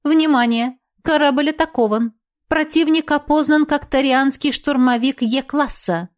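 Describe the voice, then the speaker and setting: A woman's voice: high-pitched, unhurried, voice pushed up. A woman voicing the formal computer aboard a spaceship, making clipped alert announcements in a science fiction audiobook. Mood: urgent alert.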